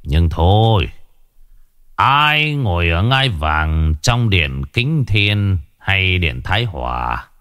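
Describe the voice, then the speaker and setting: A man voicing a wise old hermit sage who speaks slowly and calmly with a detached air, in a storybook reading. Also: sits low, smooth, dry recording, studio quality, full character voice. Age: over 60 (figure). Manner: slow, unhurried, detached.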